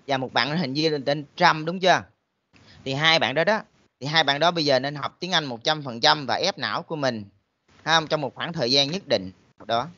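The voice of a Southern Vietnamese man, a teacher speaking to a room of students with an emphatic, coaxing delivery. His tone is bright and forceful and the sound is dry. The recording is dull and lo-fi. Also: a little high, no room sound. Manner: emphatic, full of rhetorical questions. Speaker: college teacher. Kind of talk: motivational talk to students.

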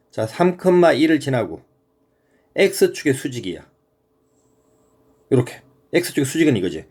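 A male math teacher explaining graphs in an easygoing, chatty manner. His voice sits a little high for a man and swings widely in pitch as he checks in with the student. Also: a little mellow. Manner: casual, keeps checking in with the student. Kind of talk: informal math lesson.

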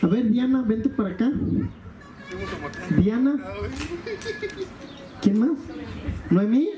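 A man's voice: very high-pitched, slow, dull audio. A man hosting a live party as a clown, teasing the audience and joking with guests. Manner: teasing, jokey, calls everyone amigo. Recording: echoey hall with crowd noise.

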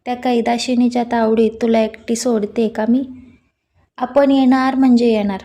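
A woman voicing a brash, fiercely loyal young woman friend who talks loud and blunt in a storybook reading. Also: a little high, little pitch movement, normal speed, lightly acted. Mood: fiery.

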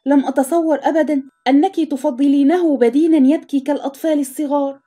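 A woman's voice: high-pitched, steady tone, quick pace, warm tone, soft background music, voice pushed up, natural voice. A woman doing a scornful, harsh schoolgirl. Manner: scornful, taunting. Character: harsh, sharp-tempered schoolgirl.

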